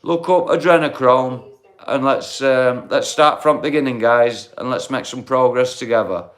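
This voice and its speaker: Speaking at normal speed and medium pitch, a forties-aged man hosts a casual livestream through his phone. He talks bluntly and matily, swearing and calling his viewers mate and bro.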